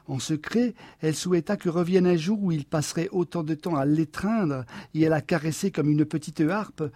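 Male narrator, literary audiobook, slightly high voice, husky and mellow, dry close sound. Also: dry recording. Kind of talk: audiobook reading of literary fiction.

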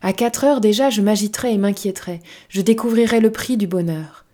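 A woman voicing a wise, gentle male fox in a storybook reading, speaking softly and reflectively. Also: mid-range voice, a little fast, pitched above the performer's own voice, lightly acted. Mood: tender.

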